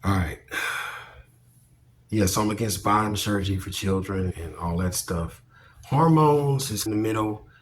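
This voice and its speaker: With a voice on the low side, this vlogger delivers casual opinion commentary at a measured pace, pausing often. He's blunt and emphatic, swears a lot, and has slight background noise behind him.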